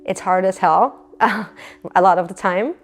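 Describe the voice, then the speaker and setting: A woman from Austria, an artist, speaking reflectively about her work with many pauses, fillers and restarts. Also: mid-range voice, soft background music. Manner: soft-spoken, halting, many fillers and restarts. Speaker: painter. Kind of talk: reflective interview monologue.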